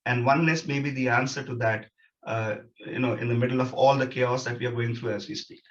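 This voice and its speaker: A man's voice: mid-range voice, steady tone, fairly quick, a bit bright, muffled recording. A man giving a reflective academic conference talk, building his points in lists. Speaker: researcher presenting.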